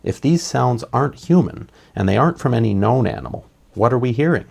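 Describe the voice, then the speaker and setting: Very gravelly male documentary narrator. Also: mid-range voice, animated, fairly quick, a little mellow. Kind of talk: scripted narration.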